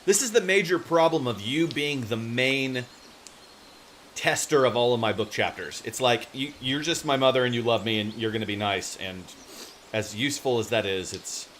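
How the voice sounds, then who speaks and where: A man's voice: medium pitch, moderate pace. Rambling man on a noisy livestream. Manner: rambling, trails off and loses his thread. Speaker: live streamer and fiction writer. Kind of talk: casual rambling livestream chat. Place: home office. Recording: steady hiss and room noise.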